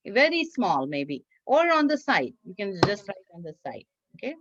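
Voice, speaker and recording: Over dull lo-fi online class audio with a noisy background, a woman guides children through a craft lesson. She speaks at a moderate pace in a medium-pitched, sing-song voice, laying out simple steps and repeating them with encouragement.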